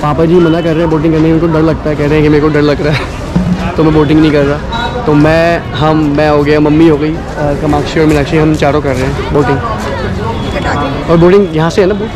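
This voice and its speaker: A man's voice: fairly high pitch, little pitch movement, fast. Man vlogging by a busy riverside. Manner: explains prices and plans step by step, with fillers. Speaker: travel vlogger. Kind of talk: casual vlog commentary to camera. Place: outdoor riverside steps and open boat. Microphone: camera held at arm's length. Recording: outdoor crowd noise. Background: loud crowd chatter.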